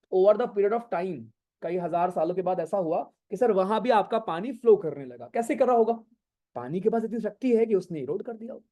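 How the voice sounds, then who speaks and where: Teaching an online exam-prep class without earphones, this geography teacher has a high-pitched, warm voice. He explains slowly with plenty of English terms, repeatedly checks that students follow, and scolds them when they drift off topic.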